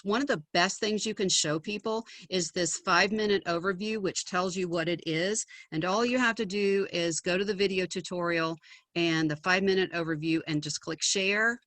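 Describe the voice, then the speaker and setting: A woman's voice: medium pitch, fairly bright tone, no echo. A woman presenting an educational website in a webinar, upbeat and chatty, with frequent ums. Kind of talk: screen-share webinar demo.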